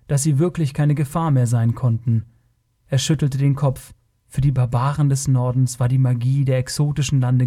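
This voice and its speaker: A man narrating an adventure audiobook in a measured, even storytelling manner. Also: medium pitch. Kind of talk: scripted narration.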